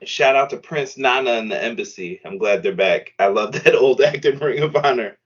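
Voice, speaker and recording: A man who is a guest on a casual wrestling podcast, telling stories in an animated way and laughing often. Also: medium pitch, moderate pace, slightly rough, highs cut off.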